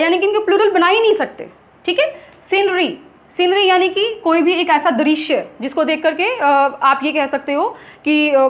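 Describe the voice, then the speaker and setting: A woman teaching English grammar in Hindi, asking and answering her own questions and dictating examples slowly. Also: very high voice. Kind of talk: classroom lesson in Hindi.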